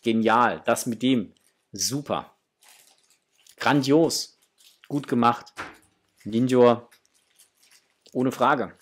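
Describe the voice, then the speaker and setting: A middle-aged man hosting an unboxing for his toy collecting channel talks casually to viewers from a small room at home. His medium-pitched voice is husky, and he speaks very slowly with frequent pauses, yet sounds enthusiastic and gushing.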